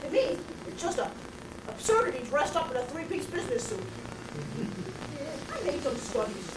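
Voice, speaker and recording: In a theatrical comic monologue, an actress takes on the role of a brash, raspy bag lady who buttonholes people walking by and philosophizes at length, confronting them head-on. She speaks at normal speed in a very high voice that leaps dramatically in pitch. It's captured from afar in a reverberant room against a steady hiss.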